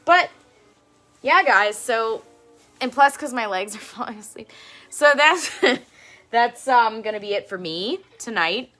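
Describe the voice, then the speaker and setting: Faint music sits in the background as a low-voiced woman in her thirties chats and rambles through a home live-stream show and tell, laughing frequently. Her intonation is lively and her tone sharp. She speaks slowly.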